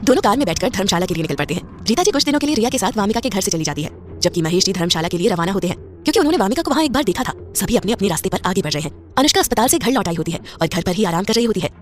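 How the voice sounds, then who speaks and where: A woman narrating a scripted audio story in a brisk, even storytelling delivery. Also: medium pitch, slight background noise.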